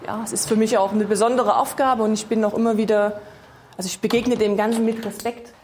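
A woman's voice: medium pitch, steady tone, fairly quick, a little mellow, a little hiss or hum. A woman who is a member of parliament, chatting and telling stories in a documentary interview. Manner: chatty, storytelling.

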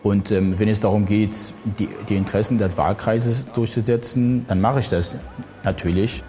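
A man from Saxony who is a member of parliament, speaking in a measured, hesitant way in a documentary interview. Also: fairly low pitch, steady tone, dark tone, faint music behind. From Saxony, Germany.

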